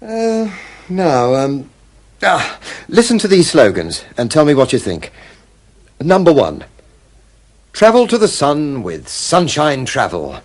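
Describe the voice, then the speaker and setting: A man acting in a scripted course dialogue, reading in a clear, deliberate way. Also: a little high, wildly swooping pitch, exaggerated voice.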